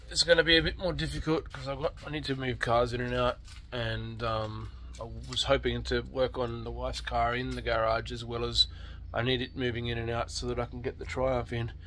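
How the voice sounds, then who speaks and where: A man's voice: medium pitch, little pitch movement, moderate pace, slight background noise. Rambling man vlogging his car work. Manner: rambling, many ums and trailing restarts. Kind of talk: casual vlog chat. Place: open carport at home, outdoors. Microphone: phone camera held close.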